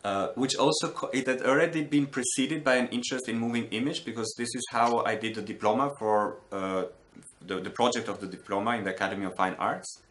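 A man in his forties from Albania, a native Albanian speaker, reflecting as an artist in an interview. He speaks thoughtfully with many pauses, fillers and restarts. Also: mid-range voice, steady tone, fairly bright tone, slight background noise. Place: home studio with bookshelves, indoors.

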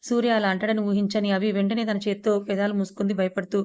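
A woman narrating an audio story, brisk and even. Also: medium pitch.

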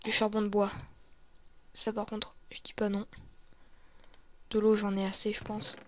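A gaming video creator plays a survivor in a zombie survival roleplay, narrating in character with a monotone, medium-pitched voice at a slightly slow pace. They mutter to themself and often drop to a whisper.

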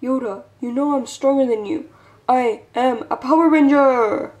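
A woman plays an earnest action-figure friend in a homemade toy puppet show. The voice is somewhat high. The delivery is plain and sincere. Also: a little slow, darkish tone. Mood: pleading. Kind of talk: amateur toy puppet skit.

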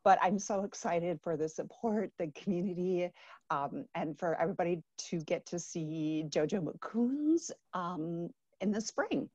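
A woman with a Minnesotan accent introducing herself as an author, excited and quick to laugh, heard over a video call. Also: on the low side, no echo. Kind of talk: casual self-introduction.

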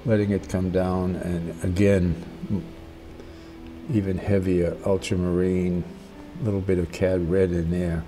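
An older man giving a casual watercolor tutorial as a gentle, encouraging, unhurried painting instructor. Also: low voice, flat delivery, soft background music.

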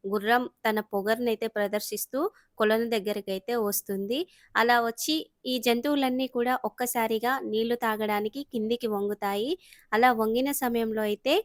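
A woman's voice: fairly high pitch, no echo, studio quality. A woman storyteller narrating a children's moral cartoon story in a chatty, colloquial way, with frequent filler words.

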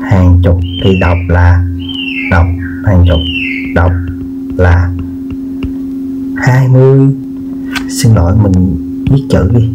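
A man teaches children's arithmetic at a very slow, patient pace, often repeating himself and stopping to check that viewers are following. His voice sits rather low. The recording is dull and lo-fi, with clear guitar music playing behind him. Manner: slow, repeats words and asks "được chưa?". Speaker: math teacher. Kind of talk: slow explaining lesson for children.

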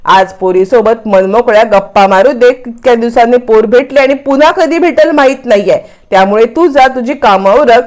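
A woman's voice: a little high, moderate pace, hardly any pauses, darkish tone, close to an everyday voice. A woman voicing a doting older father. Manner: affectionate, coaxing.

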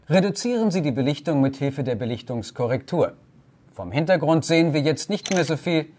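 A man's voice: mid-range voice, darkish tone. A man narrating a scripted camera tutorial, giving formal, polite step-by-step instructions. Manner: formal, addresses listener politely.

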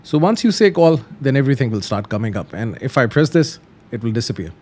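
A medium-pitched, slightly mellow voice belongs to a very animated man who talks fast. He hosts flight simulator tutorials, explaining things casually one step at a time and repeating simple instructions.

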